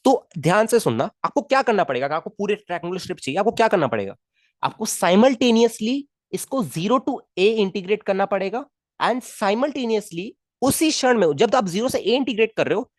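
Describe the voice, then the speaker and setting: Lively coaxing male physics teacher. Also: high voice, fast, no room sound, clean studio sound. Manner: coaxing, repetitive, checks in with students often. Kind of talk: live online class.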